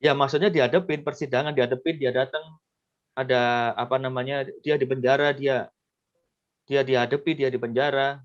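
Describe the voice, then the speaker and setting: A man's voice: mid-range voice, fairly even intonation, normal speed. Polite guy asking questions, kinda dull lo-fi sound. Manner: polite questioning with many hums of agreement. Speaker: interviewer. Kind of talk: live-stream interview.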